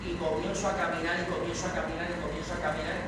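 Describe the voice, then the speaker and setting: A man's voice: a little high, little pitch movement, very fast. A man preaching a sermon, telling a personal story and breaking into "alleluia" and calls to praise. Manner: storytelling preacher, interjects "aleluya" and "alma mía, alaba". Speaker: pastor. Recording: echoey church room from far off, noisy.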